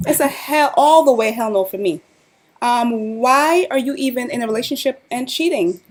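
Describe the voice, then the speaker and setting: A woman's voice: fairly high pitch, normal speed. A woman co-hosting a live chat show who gives her opinion bluntly, hammering her points with repetition. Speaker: podcast co-host.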